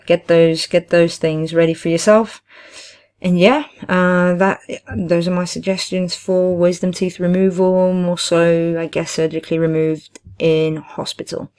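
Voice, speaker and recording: Woman with a low voice just chatting on her vlog giving tips, kinda halting, keeps correcting herself. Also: a little mellow, clean tone. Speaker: vlogger, teaching assistant. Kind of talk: casual chat, personal recovery advice.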